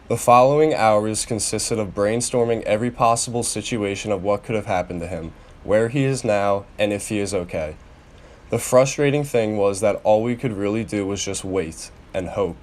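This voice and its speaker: A young man with a fairly low voice reads his own memoir aloud for a class podcast. His delivery is steady and earnest, and his voice drops and softens as each sentence winds down. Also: moderate pace. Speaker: student reading a personal memoir. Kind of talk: read-aloud personal narrative.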